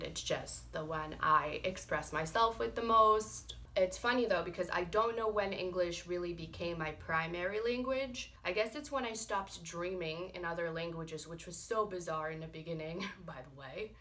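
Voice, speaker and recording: A woman's voice: lowish voice, pushed and bright. A young woman from Morocco chatting candidly in a get-to-know-me vlog, frank and talkative. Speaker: vlogger. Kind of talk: casual get-to-know-me chat.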